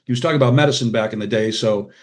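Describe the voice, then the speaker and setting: An older American man with a lowish voice talks in rapid-fire bursts. He's a retired radiologist and author appearing as a podcast guest, casually reminiscing and often quoting people in short anecdotes.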